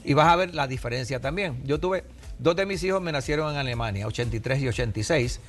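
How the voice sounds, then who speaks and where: A man in his sixties from Puerto Rico explains immigration rules as a TV guest, patient and example-driven. His voice sits a little high for a man. Soft music plays faintly behind him. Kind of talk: explanatory TV interview.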